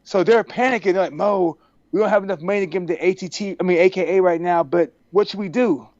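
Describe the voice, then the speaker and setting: A man from Texas, a podcast guest on a video call, telling stories in a casual, animated way and acting out the dialogue. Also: high voice, fast, no room sound. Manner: animated, acts out quoted dialogue. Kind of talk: casual storytelling. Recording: dry, dull video-call audio.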